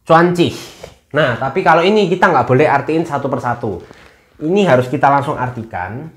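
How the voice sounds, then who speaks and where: A young man giving a casual online German lesson, chatty, often addressing viewers as guys and spelling words out slowly. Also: medium pitch, roomy sound. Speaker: German language teacher.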